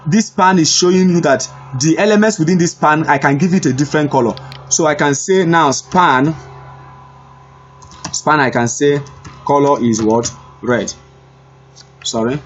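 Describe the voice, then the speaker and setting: A man teaching web coding on a screen recording, thinking aloud and circling back over his words. His voice sits somewhat high for a man. The audio is dull and lo-fi, with faint music behind him. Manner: unhurried, repeats himself, thinks aloud while typing.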